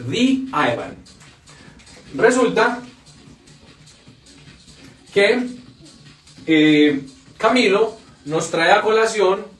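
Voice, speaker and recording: High, lively male teacher, echoey room. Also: distant mic. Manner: explains by repeating words over and over. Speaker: English teacher. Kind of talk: live online class. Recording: echoey room, off-mic, faint music.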